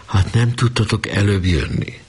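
A man voicing a calm, gentle boy leader who speaks quietly in a storybook reading. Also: on the low side, breathy edge, pitched above the performer's own voice, heavily acted.

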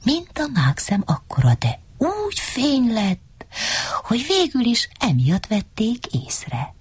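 A woman reading a children's story aloud as storyteller, animated and playful, with sound effects and character voices. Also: fairly high pitch, husky, dry recording.

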